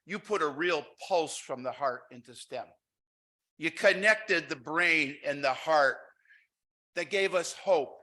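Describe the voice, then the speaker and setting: A man emcees a conference session with enthusiastic words of praise. His voice is bright and sharp and sits a little high. He speaks as a stage host. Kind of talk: stage hosting remarks.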